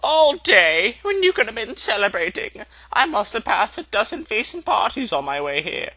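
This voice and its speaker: A man's voice: sits high, sing-song, moderate pace, sharp tone, no echo, pitched above the performer's own voice, full character voice. A man voicing a severe, impatient older woman, a witch professor in a storybook, with a clipped, scolding manner. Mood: indignant.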